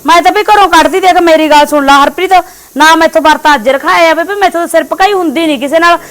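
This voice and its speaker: Woman acting as argumentative punjabi bahu, rapid and very high. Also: fairly bright tone. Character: defiant daughter-in-law, quarrelsome. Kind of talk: village family skit acting.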